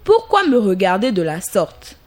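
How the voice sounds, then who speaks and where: A woman's voice: medium pitch, wildly swooping pitch, unhurried. A woman voicing a grumpy, wrinkled old male dwarf who scolds and insults, in a storybook reading. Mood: grumbling scornful.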